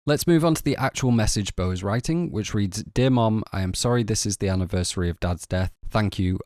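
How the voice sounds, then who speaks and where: A man narrating a scripted film analysis video essay in a measured, analytical way. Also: fairly low pitch, a little mellow, no room sound, clean studio sound.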